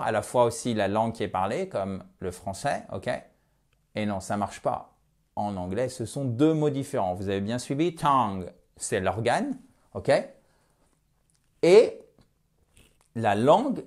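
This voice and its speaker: A French-speaking man teaching English pronunciation with lively emphasis, stretching out his English demo phrases. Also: medium pitch.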